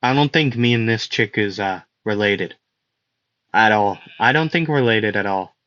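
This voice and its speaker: A man voicing a blunt, tough adult woman hero with a flat delivery, in a casual spoken fan story. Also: lowish voice, moderate pace, dry recording, lightly acted. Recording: dull lo-fi dry recording.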